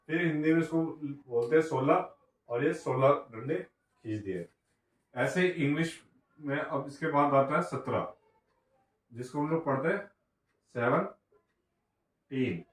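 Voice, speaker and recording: A man teaching a beginner maths lesson, counting numbers aloud slowly, one by one. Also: on the high side, recorded from a distance. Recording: echoey room, away from the mic.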